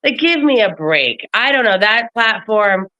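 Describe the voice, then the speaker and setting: A woman's voice: medium pitch, very animated, measured pace, bright, forceful tone. A woman in a casual political chat, blunt and profane, ranting about local politics. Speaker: political commentator. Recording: slightly dull lo-fi audio.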